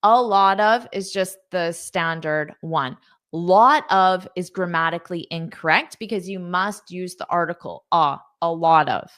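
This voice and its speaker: A woman's voice: on the low side, measured pace, a bit bright. A woman teaching English in a live online lesson, reading out viewer comments, repeating words patiently and praising students.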